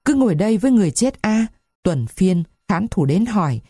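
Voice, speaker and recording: A woman narrating a story aloud in a slow, somber reading style. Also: medium pitch, big pitch swings, dark tone, slightly rough, dry recording, studio quality.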